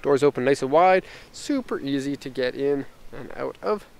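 Speaking at medium pitch and normal speed, a middle-aged man who exports cars gives a casual walkaround of a vehicle, musing aloud in a relaxed way. The handheld camera records him outside beside the parked car and inside it, with clear ambient noise around him.

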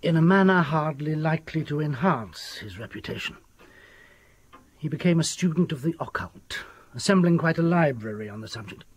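An actor playing an obsessed, fearful country doctor in a radio drama, with a husky voice and formal, ominous manner. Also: male voice, a little high, expressive, moderate pace. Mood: grave, ominous. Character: desperate, frightened country doctor obsessed with the occult.

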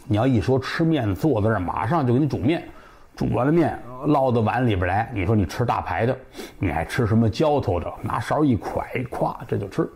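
A man's voice: animated, a little fast, gravelly, a little mellow. A middle-aged man from northern China telling a traditional comic story, jumping between character voices. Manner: voices several characters, shifting pitch up for women and shopkeepers.

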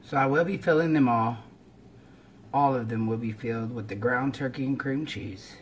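With a very deep voice at normal speed, a woman talks through the steps of a recipe for her home cooking vlog in an informal, step-by-step way. A camera on the counter or held at arm's length picks her up in a noisy kitchen full of frying and clatter.

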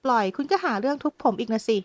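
A woman's voice: a little high, lively intonation, very fast, no room sound, close to an everyday voice. A woman reading an audiobook, voicing a cocky young male film star who teases and talks smugly. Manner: smug, teasing, unbothered.

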